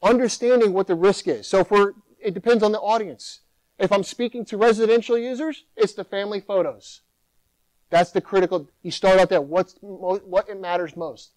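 A middle-aged man fields audience questions from a conference podium, lively and animated. His voice sits high for a man. The sound is dry and close. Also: moderate pace, no room sound, poor audio. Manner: animated, mimics users in mocking voice. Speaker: keynote speaker. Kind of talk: conference Q&A answers. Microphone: podium microphone.

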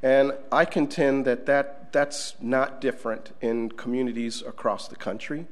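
Seated at a table microphone in a conference room, a middle-aged conference speaker gives his presentation casually and conversationally, using plenty of fillers. His voice is medium in pitch and steady in tone, and his pace is a little slow.

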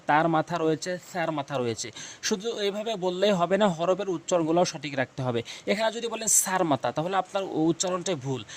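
A man teaching pronunciation of Arabic letters for Quran recitation, demonstrating each sound slowly and repeating it, with hesitant fillers between explanations. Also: high-pitched. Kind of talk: pronunciation lesson.

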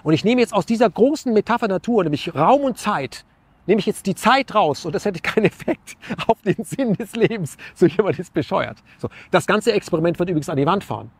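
A man's voice: high-pitched, lively intonation, fairly quick, breathy edge. A man, an interview guest musing about life in an earnest, searching way, full of rhetorical questions and restarts. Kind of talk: reflective philosophical talk.

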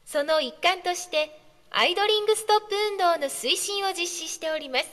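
A woman making polite, measured, formal announcements over a shopping mall's public address system. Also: extremely high pitch, a bit bright. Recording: long reverb of a large hall.

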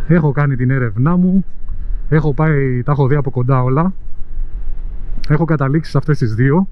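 Heard over lo-fi sound, a motovlogger with a mid-range voice and a Greek accent rides city streets, keeping up a casual chat and teasing the people watching.

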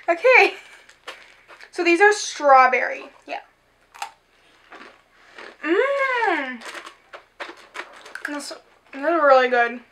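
A young woman hosting a casual candy taste-test, chatty and quick to say things are gross. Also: high voice, animated, a bit bright, a little hiss or hum, low-quality recording. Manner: chatty, easily grossed out, giggly. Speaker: host.

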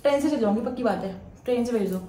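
A woman's voice: a little high, rapid-fire, dark tone. Pleading young woman vlogger. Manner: pleading, insistent. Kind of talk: casual chat. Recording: echoey room with faint noise.

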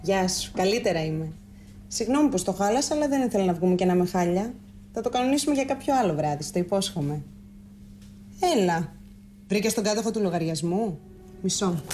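An actress plays a brisk woman on the office phone, polite and businesslike. Music plays clearly underneath her. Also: medium pitch, lightly acted.

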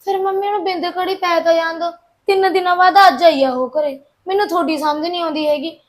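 A woman's voice: very high-pitched, fairly even intonation, fast. A woman playing a caring, reassuring sister-in-law in a Punjabi drama. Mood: reproachful. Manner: soothing, reassuring.

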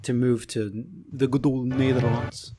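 Young male podcast host, casual and rambling, mid-pitched, light background hiss. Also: little pitch movement, measured pace. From Aruba. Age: young adult. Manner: rambling, swears casually, laughs often. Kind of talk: casual chat.

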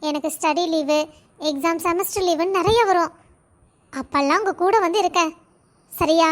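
Cast: woman as a sweet young student granddaughter, very high and bright-toned, reassuring, cartoon story. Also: normal speed. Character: cheerful young college-going granddaughter. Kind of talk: animated story voice acting.

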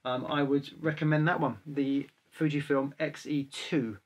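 A man, a photographer, casually answering viewer questions to camera in a relaxed, chatty way. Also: fairly high pitch, a little slow. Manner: chatty, relaxed, handles gear while talking.

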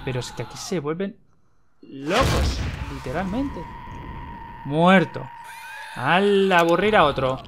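A young man from Spain with a Castilian accent, giving excitable gameplay commentary, repeating words in bursts and swearing when startled. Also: on the high side, noisy background. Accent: Castilian Spanish. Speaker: gaming YouTuber.

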